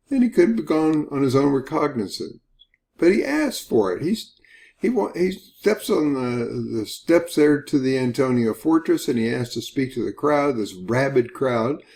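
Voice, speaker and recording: A man teaching a Bible study in an earnest, measured way, retelling a scripture story and reading passages aloud. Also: mid-range voice, dark tone.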